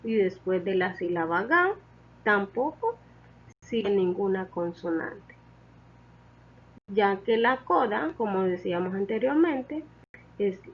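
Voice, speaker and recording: A woman's voice: mid-range voice, slightly rough, muffled recording. A woman teaching a lesson, explaining step by step and patiently repeating key points.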